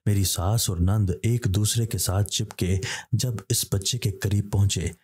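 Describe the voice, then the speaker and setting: In a low, husky voice, a man reads a scripted horror story at a steady, slightly slow pace. His tone is dark and mellow, and he voices every character himself.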